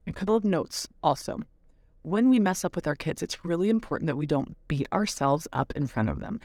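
A woman's voice: sits low, lively intonation, brisk, a little mellow, dry recording. A woman hosting a parenting podcast, telling a personal story in a candid, reflective, casual way.

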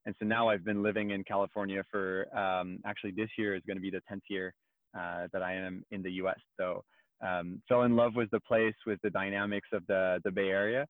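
Guest, male, French accent, measured talker; low voice, dead-dry, band-limited remote line. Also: flat delivery, no room sound. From France. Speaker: guest, startup co-founder. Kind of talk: podcast interview. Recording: tinny phone-like remote line.

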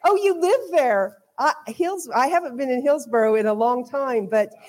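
In a high, expressive voice with a darkish tone, an American-accented Oklahoma woman speaks at normal speed as a guest preacher in a church. Her sermon is informal and personal, full of testimony and repeated phrases rolling one into another.

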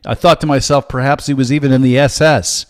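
Older american guy hosting his show, earnest and measured, lots of little pauses, dry sound. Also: medium pitch, steady tone, no room sound. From United States. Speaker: host, Bible teacher. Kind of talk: teaching monologue with personal story.

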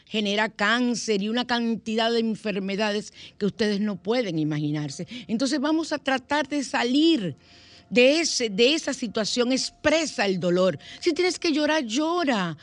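Una mujer de mediana edad con acento caribeño da consejos en un programa de radio, contando historias con viveza y jugando con las voces. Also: female voice, on the high side, a little slow, no room sound. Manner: lively, animated storytelling with playful voices. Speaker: radio host and counselor. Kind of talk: radio talk and advice. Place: radio studio.

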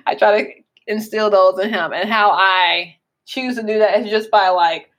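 A woman's voice: mid-range voice, steady tone, moderate pace, a bit bright. A woman co-hosting a casual parenting podcast, talking earnestly with many fillers. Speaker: co-host.

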